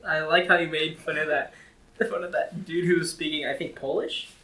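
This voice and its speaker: A man's voice: on the high side, fairly even intonation, moderate pace, sharp tone. A teenage boy co-hosting a casual podcast with friends, rambling, giggling and swearing often. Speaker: podcast co-host. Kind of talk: casual chat among friends. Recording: echoey room.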